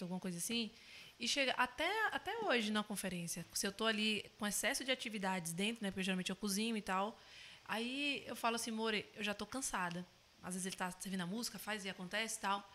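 Woman, quick bright voice, frank and direct, faint background noise. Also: medium pitch. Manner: frank and direct, quotes herself in dialogue. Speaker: guest. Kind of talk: casual podcast chat.

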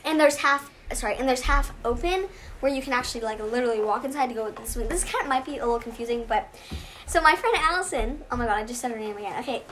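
High-voiced young woman rambling a story. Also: quick pace, fairly bright tone, slight background noise. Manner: rambling, many fillers and restarts. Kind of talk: casual group storytelling.

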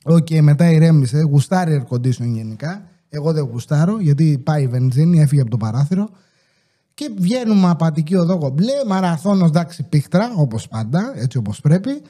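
A man's voice: fairly high pitch, animated, mellow. A man hosting a podcast, telling a rambling comic story in a casual way, swearing freely and acting out the voices of the people he quotes. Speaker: podcast host.

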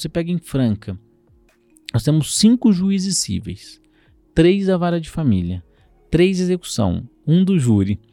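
A man's voice: a little high, dry recording. A man from Brazil, a lawyer in a conversational interview, acting out courtroom exchanges as he explains. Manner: animated, acts out courtroom exchanges.

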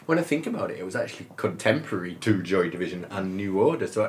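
A man in his fifties from northern England, a musician chatting as a guest in a relaxed, rambling, good-humoured way, often laughing as he talks. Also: deep voice, fast talker, a little hiss or hum. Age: 50s. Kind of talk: casual interview chat.

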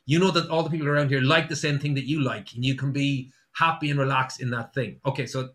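A man with a west of Ireland accent talks in a bright, forward voice at a middling pitch. He is a musician in a casual interview, telling anecdotes in an unpolished, conversational way. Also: fairly even intonation, quick pace. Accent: west of Ireland, Sligo. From Sligo, west of Ireland.

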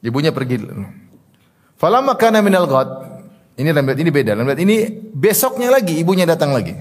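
A male religious teacher gives a study lecture. He explains Arabic terms and tells narrations, often filling pauses with "ya" and "apa namanya". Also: fairly high pitch, sing-song, in a large hall. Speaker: Islamic teacher.

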